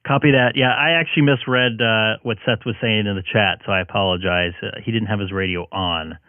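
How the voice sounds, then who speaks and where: A man's voice: lowish voice, fairly even intonation, fairly quick, no echo, narrow, tinny audio. A man who is tired and hungover with a headache, chatting casually and apologetically as he runs a live-streamed ham radio session.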